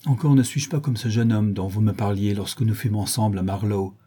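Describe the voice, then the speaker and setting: A man's voice: fairly low pitch, fairly even intonation, fairly quick, mellow, slightly rough. A man voicing a detached young male aesthete in an audiobook, speaking in a lofty, languid, self-assured way. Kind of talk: audiobook character reading.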